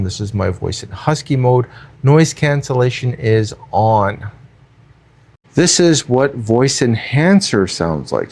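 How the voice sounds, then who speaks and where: A man's voice: on the low side, a little mellow. Guy testing a wireless mic, noise cancel on so his voice sounds processed, plain explaining tone. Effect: wireless mic with noise cancellation and voice filters. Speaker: gear reviewer. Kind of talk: product demo talk. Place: room with air conditioner running. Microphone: wireless clip mic into phone.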